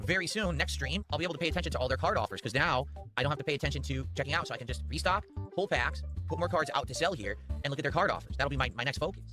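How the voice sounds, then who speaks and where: A man's voice: fairly high pitch, very fast, few pauses, over music. A man chatting casually on a live game stream, thinking aloud and addressing his viewers.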